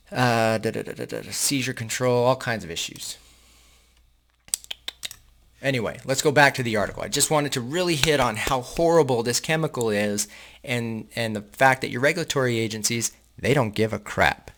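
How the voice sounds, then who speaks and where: A man reads an article aloud in a medium-pitched voice. He keeps stopping to talk straight to his viewers in a loose, casual way. His asides come out sarcastic and indignant. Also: a bit bright. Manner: casual, addresses viewers as guys. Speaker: host reading and commenting on an article. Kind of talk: casual commentary while reading aloud.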